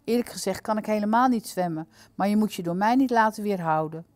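A timid young traveller boy who speaks softly and hesitantly, a little higher than the reader's usual voice, as a woman reads him aloud. It is a storybook reading with a dry, close sound. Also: fast talker, dry recording, natural voice. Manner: hesitant, soft.

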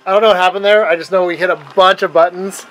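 A man's voice: high voice, fairly even intonation, fast talker, a bit bright, low-quality recording. A man hosting a gaming video, giving casual commentary during co-op play. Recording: game music behind the voice. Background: video game music.

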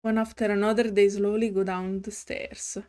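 A woman's voice: mid-range voice, level tone, darkish tone, clean tone. A woman streamer reading a story game aloud with commentary, giggly and hesitant. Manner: slow, giggly and hesitant, with restarts. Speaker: gaming streamer.

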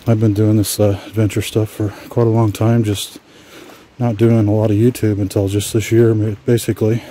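Relaxed low-voiced man rambling on a hike. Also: moderate pace, a little hiss or hum. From Washington State, USA. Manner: relaxed, rambling, with frequent "uh" fillers; talks while walking outdoors. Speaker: adventure vlogger. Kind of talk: casual hiking vlog commentary. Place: outdoors on abandoned railway tracks.

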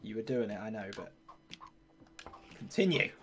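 A man's voice: fairly high pitch, expressive, a little fast. A man hosting a gaming stream, chatting playfully and giving orders while he plays a cooking game with a friend. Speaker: gaming channel host. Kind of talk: casual co-op gameplay chat.

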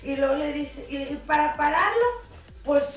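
A high-pitched woman spins jokes in an animated, chatty way and laughs through her punchlines. She sits some distance from the mic in an echoey TV studio with music playing behind. The sound is roomy and distant. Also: moderate pace. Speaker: guest actress. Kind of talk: chatty joke-telling.

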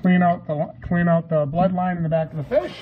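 A man's voice: high voice, steady tone, brisk, phone-quality sound, slight background noise. An American man in his thirties hosting a casual fishing vlog, talking in an enthusiastic, chummy, slangy way. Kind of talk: casual outdoor vlog talk. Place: truck cab, woods, home kitchen.

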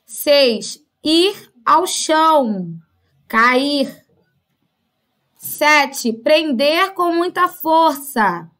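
A woman's voice: high voice, expressive, very slow, long pauses, a bit bright. A woman teaching a primary school class, explaining each point step by step and checking in often with her pupils. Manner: patient, explains step by step with frequent "tá?" and "né?" check-ins.

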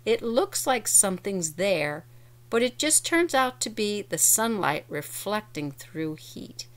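A woman's voice: medium pitch, sing-song, takes it slowly. A woman voicing a cautious, bookish young boy who explains things in a matter-of-fact way in a storybook reading. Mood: explaining.

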